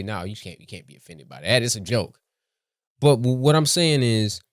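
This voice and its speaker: A man giving casual opinion commentary in a measured, deliberate way, repeating phrases for emphasis. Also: lowish voice, dry recording, clean studio sound. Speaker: commentator reacting to a comedy skit.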